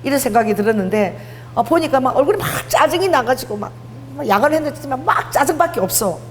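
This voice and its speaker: A woman's voice: high voice, animated, fast talker. A middle-aged woman pastor preaching a conversational sermon, telling personal stories and acting out the dialogue. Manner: conversational, mixes casual and polite speech, acts out dialogue. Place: church prayer hall. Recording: long hall reverb, faint hum.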